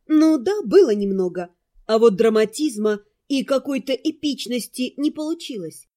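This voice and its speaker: A woman calmly narrating a first-person fantasy audiobook. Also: sits high.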